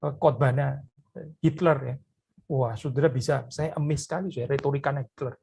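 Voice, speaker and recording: Preaching a sermon, a pastor talks earnestly and conversationally, speaking straight to his listeners, adding quick asides to his phrases and slipping in English words. His medium-pitched voice stays steady and brisk, with vocal fry and a slightly mellow, slightly rough texture.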